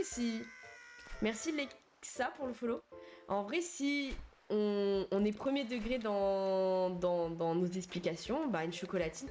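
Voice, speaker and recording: A young woman talks casually to her stream chat while she plays a game, picking up viewers' messages in a chatty, slangy way. Her voice sits at a middle pitch for a woman. Soft game music plays faintly behind her.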